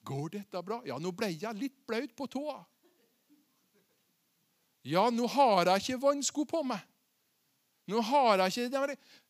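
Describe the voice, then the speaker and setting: A preacher voicing the apostle Peter, a grown man caught between faith and doubt who keeps asking himself whether this will go well. His voice sits very high for a man, and he talks in anxious, self-questioning bursts. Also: pauses often. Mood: uneasy.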